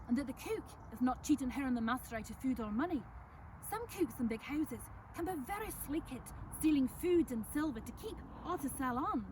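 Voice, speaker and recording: A woman's voice: sits high, recorded from a distance, slight background noise, rough recording. A woman playing a chatty, folksy servant of centuries past, telling visitors a tale in an Ulster Scots accent. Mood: gossipy, earnest. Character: chatty, welcoming servant woman of a 17th-century Irish estate. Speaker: costumed storyteller. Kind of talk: in-character historical storytelling to visitors. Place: outdoors in front of a house.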